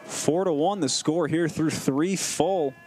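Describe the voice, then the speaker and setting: A man's voice: fairly high pitch, slow pace, a little mellow, slight background noise. A man doing live baseball commentary and play-by-play from an outdoor ballpark.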